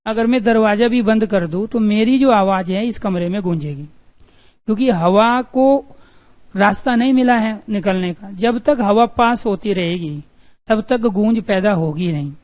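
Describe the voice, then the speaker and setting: A man teaching Hindi grammar to exam students, repeating the letter sounds and often checking with "clear?". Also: high voice, measured pace, darkish tone. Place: room with two windows and an open door.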